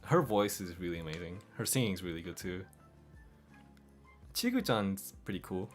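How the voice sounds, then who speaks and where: A young streamer with a mixed Australian and American accent and a low-sitting voice reads viewer comments in a casual late-night chat. He's relaxed, laughs often, and trails off softly, with faint music playing behind him.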